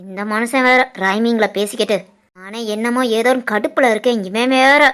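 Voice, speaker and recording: A woman voicing a sharp-tongued, scheming older mother in an animated family drama, with a Tirunelveli Tamil accent. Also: on the high side, moderate pace, clear, resonant tone, natural voice. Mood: irritated. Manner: grumbling, scornful.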